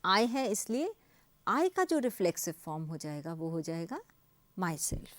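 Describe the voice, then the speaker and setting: A woman teacher explaining grammar in a recorded lesson, reading example sentences slowly and asking and answering her own questions. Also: on the low side, big pitch swings, no echo. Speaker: English teacher.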